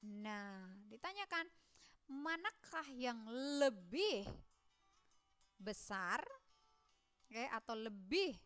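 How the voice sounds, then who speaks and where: Woman English teacher, higher voice, unhurried, drills vocabulary with students. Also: lively intonation, sharp tone, clear, resonant tone, faint music behind. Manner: playful, voices student questions herself; drills words slowly for repetition. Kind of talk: classroom lesson.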